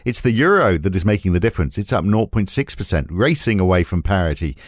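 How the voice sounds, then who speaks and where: A man hosts a morning market briefing in a lowish voice, tossing dry asides between the numbers. The sound is close and dead, with no room around it. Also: sing-song, fast, dry recording. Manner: wry, dry asides about market moves. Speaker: host of a morning markets podcast.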